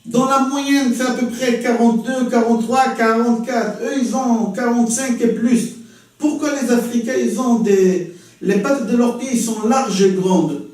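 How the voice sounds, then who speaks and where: Pushy rude guy firing silly questions at a rabbi, a man acting him out, highish voice, big echo, mic way off. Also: a little slow, darkish tone. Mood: pestering. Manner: pushy, mock-polite questioning. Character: brash rude man out to provoke a sage. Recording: very echoey room, far from mic.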